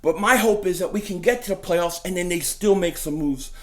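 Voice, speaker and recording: A man in the middle of a casual sports rant, hosting his own fan vlog. He trash-talks with excitable energy, jumping from loud outbursts to low asides and repeating his lines for effect. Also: fairly quick. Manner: animated trash-talking, repeats his punchlines.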